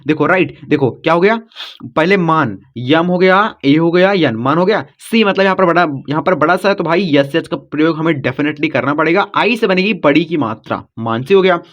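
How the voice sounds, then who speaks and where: A man gives a patient spelling lesson to children, spelling each name slowly letter by letter. His voice sits fairly high for a man. The recording is dull and lo-fi. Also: fairly bright tone. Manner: patient, repeats "ठीक?" after each step. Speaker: English teacher. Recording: dull lo-fi audio.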